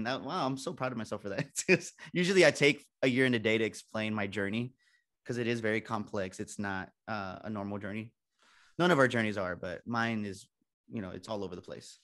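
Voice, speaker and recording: A young man from San Antonio tells students about his start as a reporter. He sounds casual and likes to laugh at himself, and he acts out the people he quotes. His voice sits at an ordinary middle pitch. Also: brisk, a bit bright. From San Antonio, Texas. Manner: chatty, self-joking, acts out quoted people. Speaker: guest speaker, TV reporter. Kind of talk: casual talk to a student audience.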